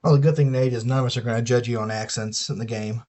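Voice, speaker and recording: A man's voice: mid-range voice, steady tone, quick pace, a little mellow. A man with a Southern US accent chatting casually and swearing freely while he builds an electronics kit on a live stream.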